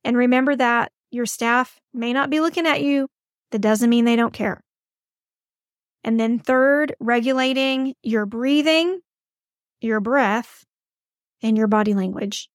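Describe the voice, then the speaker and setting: A woman's voice: on the high side, measured pace, long pauses, no room sound. Upbeat woman podcast host, dry sound. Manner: upbeat, encouraging, chatty. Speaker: school counselor. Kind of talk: casual coaching monologue.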